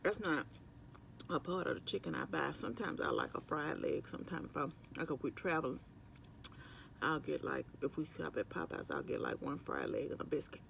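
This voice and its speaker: A man's voice: fairly high pitch, lively intonation, brisk, gravelly, fairly bright tone, a little hiss or hum. A middle-aged man, chatting casually and ramblingly to viewers while eating, sometimes with his mouth full. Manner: rambling, conversational. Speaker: mukbang vlogger. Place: at work on lunch break.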